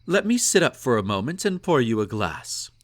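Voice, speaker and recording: Against background noise, a man with a mid-range voice close to his everyday one speaks at normal speed with big pitch swings. He plays a snobby, possessive emperor, indulgent and menacing, in an intimate romantic audio roleplay, delivering lines in a haughty, purring, condescending way. The mood is smug and indulgent.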